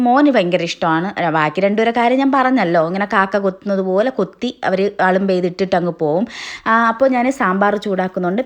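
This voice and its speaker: A young adult woman with a Kerala Malayalam accent, narrating a casual family vlog and tagging her sentences with a chatty "kettoo". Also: medium pitch. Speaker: family vlogger.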